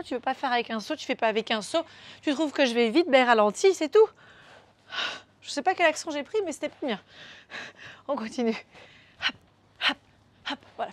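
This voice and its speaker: A woman's voice: high voice, no room sound. A woman coaching a beginner workout, upbeat and coaxing, counting moves aloud as she demonstrates. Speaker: fitness coach. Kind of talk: guided workout instruction.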